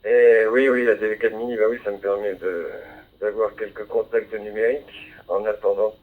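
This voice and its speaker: In an on-air ham radio exchange, a man speaks at normal speed in a lowish, steady voice, using many fillers and spelling call signs phonetically. His handheld microphone comes through a receiver as thin, narrowband digital audio with a faint hiss.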